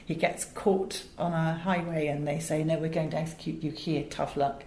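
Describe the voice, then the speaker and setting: With a deep, warm voice and a steady tone, the middle-aged English interviewee talks at normal speed. She's a voice director and audio producer who relates animated anecdotes emphatically and theatrically; the recording carries a roomy echo and a little background noise.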